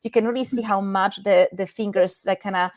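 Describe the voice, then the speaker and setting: This guest, a Polish-accented intimacy and tantra expert from Poland, speaks fairly quickly with a medium pitch, a steady tone and a slight mellowness. She explains things to her interviewer conversationally, using examples to make her points.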